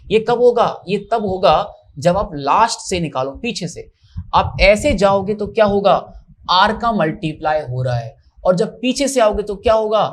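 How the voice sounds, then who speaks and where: A man teaching maths step by step in a classroom lecture, posing questions and answering them himself. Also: sits high. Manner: explains step by step, asks and answers his own questions.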